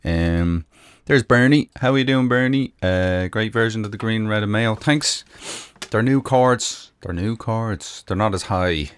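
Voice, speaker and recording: Hosting a live music stream from a home room in Michigan, an Irish-accented man talks casually, peppering his speech with ums and uhs. His fairly low voice is unhurried, clear and resonant, recorded dry on a close microphone.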